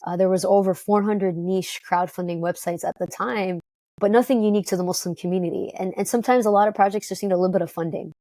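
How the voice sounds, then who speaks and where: A woman from Detroit, talking as an interview guest in an upbeat, quick way with many fillers and restarts. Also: mid-range voice, fairly even intonation, dark tone, no room sound. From Detroit, United States. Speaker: guest, company co-founder. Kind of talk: conversational interview.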